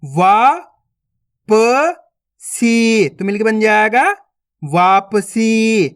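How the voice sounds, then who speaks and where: A man leads an online reading lesson at a very unhurried pace. He says each syllable on its own before blending them into a long, drawn-out word. He keeps checking in with his viewers, calling them friends and nudging them to follow along. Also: sits high, a bit bright, clean tone. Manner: sounds out syllables one by one, then stretches the joined word; addresses viewers as friends, coaxing and repetitive. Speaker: Hindi reading teacher.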